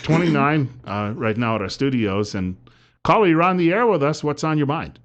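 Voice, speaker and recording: A man hosting live talk radio with a smooth radio host delivery, running through breaks, station plugs and caller introductions. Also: fairly high pitch, big pitch swings, normal speed, dull audio.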